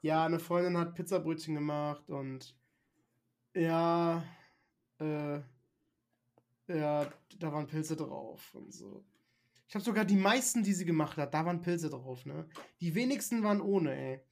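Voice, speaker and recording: Young adult podcast co-host, relaxed rambling delivery, mid-pitched voice. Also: a little slow. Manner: relaxed, rambling, many fillers and restarts. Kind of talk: casual chat.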